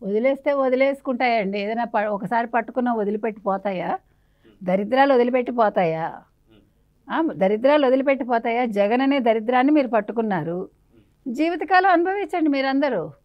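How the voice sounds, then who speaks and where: A woman's voice: a little high, fairly quick, muffled recording. A woman journalist giving a heated, indignant interview in a scolding way.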